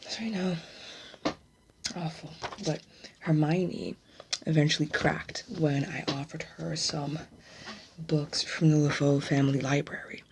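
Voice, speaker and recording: Woman for ASMR role-play: secretive young witch student, low, even pitch, hushed halting gossip, noisy clicky recording. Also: vocal fry.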